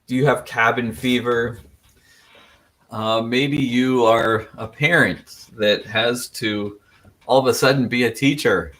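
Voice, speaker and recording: A man leading a worship service, speaking gently and unhurriedly with many pauses, his voice still rough from morning. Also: medium pitch. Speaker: worship leader. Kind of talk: casual address to a congregation.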